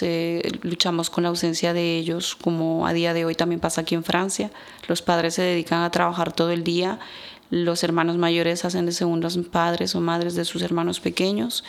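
A woman in her thirties with an Ecuadorian Spanish accent, a radio guest telling her story in a slow, reflective way. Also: on the low side, monotone, vocal fry. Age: 30s. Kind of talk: personal testimony in a radio interview.

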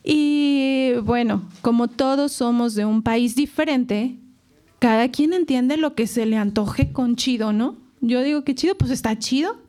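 A woman's voice: on the high side, unhurried, mellow. A Mexican woman hosting a casual round-table chat, playful and often laughing as she acts out quotes. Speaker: host.

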